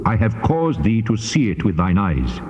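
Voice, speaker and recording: An actor playing the Lord God in a dramatized scripture reading, solemn, measured and commanding. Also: male voice, fairly low pitch, big pitch swings, darkish tone, slight background noise. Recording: muffled, long cavernous reverb.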